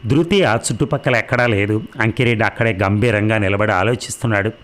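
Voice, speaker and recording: A man narrating a novel aloud in a measured, reflective way. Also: fairly low pitch, fairly bright tone. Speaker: audiobook narrator.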